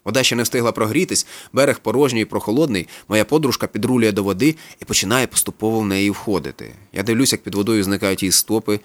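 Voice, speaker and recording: A man reading literary prose aloud as an audiobook narrator, with a brisk, even storytelling manner. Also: fairly low pitch. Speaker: audiobook reader.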